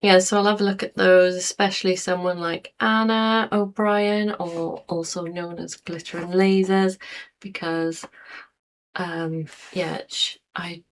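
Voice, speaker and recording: A woman's voice: lowish voice, fairly even intonation, measured pace. A woman in her forties chatting casually to camera in a rambling vlog, with lots of fillers. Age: 40s. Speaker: YouTuber.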